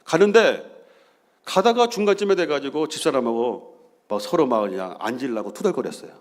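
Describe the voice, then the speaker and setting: A man's voice: medium pitch, fairly quick. A man in his fifties, a senior pastor, telling stories in a Sunday sermon and acting out the quoted lines. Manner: animated, acts out quoted bickering and voices.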